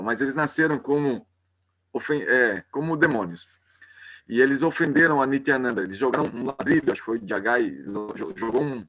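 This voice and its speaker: A man leads a devotional class. His voice sits at a middle pitch, and he narrates a scripture story in a loose, informal way, often catching himself and starting his sentences over. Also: a bit bright. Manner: informal, hesitant, with frequent restarts.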